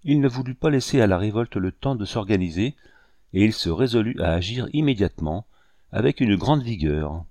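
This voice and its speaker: A man reading a historical novel aloud in measured, even narration. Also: fairly low pitch, no room sound. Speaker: audiobook reader. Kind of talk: scripted narration.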